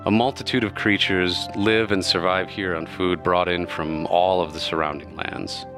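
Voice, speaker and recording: A man voicing a serene, divine female patron spirit, speaking slowly and solemnly. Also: sits low, fairly even intonation, over music, lightly acted.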